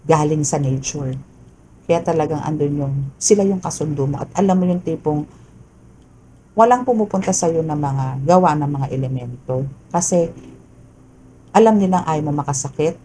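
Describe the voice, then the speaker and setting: Low, mellow woman tarot reader. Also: normal speed, pauses often, slight background noise, poor audio. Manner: chatty, peppers talk with "no?" and "okay?". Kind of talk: casual tarot reading monologue.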